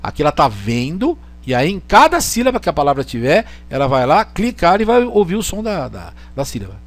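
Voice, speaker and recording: A man's voice: a little high, wildly swooping pitch, a little fast. A man from Brazil giving a casual online lecture with a screen demo, chatty and joking, often checking in with the listener.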